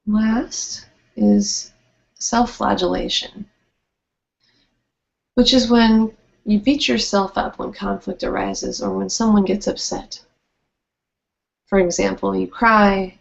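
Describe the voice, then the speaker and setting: A woman's voice: medium pitch, vocal fry. A woman speaker giving a talk about handling conflict at work, conversational and illustrating points with acted quotes. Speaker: workshop speaker. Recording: dull lo-fi recording.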